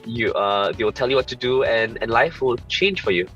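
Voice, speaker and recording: A man's voice: medium pitch, animated, moderate pace, fairly bright tone, soft background music. A man speaking as a podcast guest, giving casual advice from experience in a hesitant way, often rephrasing. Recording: slightly dull lo-fi audio.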